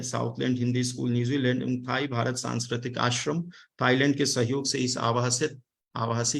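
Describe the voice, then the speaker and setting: A man from Delhi, India, speaks in a mid-range voice with vocal fry, giving a formal academic talk and vote of thanks at an online event over a video call. He explains word meanings, hesitating with fillers as he goes.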